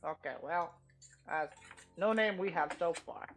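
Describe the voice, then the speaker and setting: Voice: medium pitch, unhurried, a bit bright, soft background music, poor audio. A tabletop role-play player thinking aloud, rambling through theories in character.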